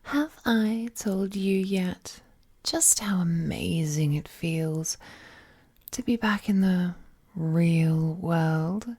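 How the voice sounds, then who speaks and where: Here a woman performs a possessive, all-powerful, ruthless being in an intimate audio drama, speaking with condescending, languid fondness and regularly falling into a breathy whisper. Her lowish voice moves very slowly, dark in tone and heavily acted, with a languid, wistful mood.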